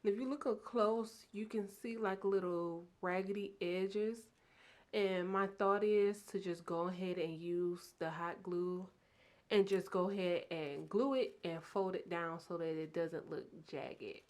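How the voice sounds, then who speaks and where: A woman casually explaining a craft project step by step, chatty and excited about her materials. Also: on the low side, a little slow. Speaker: craft tutorial host. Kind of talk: casual DIY how-to narration.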